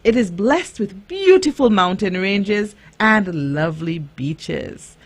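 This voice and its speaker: A woman's voice: medium pitch, expressive, slow pace, breathy edge. A woman speaking as a kids' show host, teaching children in simple phrases and checking in with questions.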